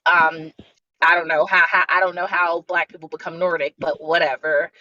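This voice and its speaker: A woman from Bangladesh talking in a casual livestream chat, emphatic and animated as she tells her story. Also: lowish voice, moderate pace, no echo. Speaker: livestream guest. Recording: dull lo-fi stream audio.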